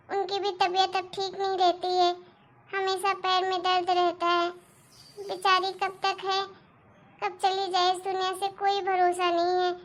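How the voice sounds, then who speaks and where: A woman voicing a gentle, patient mother who softly coaxes her family in a cartoon story. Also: extremely high pitch. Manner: soft, coaxing, patient. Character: gentle pleading middle-aged Indian mother. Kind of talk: cartoon voice acting.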